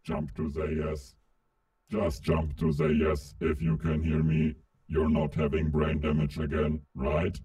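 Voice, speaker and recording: A man playing a male game AI, very low pitched-down filter, dark tone, slow flat robotic delivery. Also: far from the mic. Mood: mocking. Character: game AI, male, deep calm voice.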